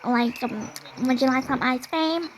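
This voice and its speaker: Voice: high voice, unhurried. A child voicing an adult woman ice cream seller, with a put-on odd accent and hesitant talk full of "like" and "um". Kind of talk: toy play-acting with a put-on voice. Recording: loud background noise.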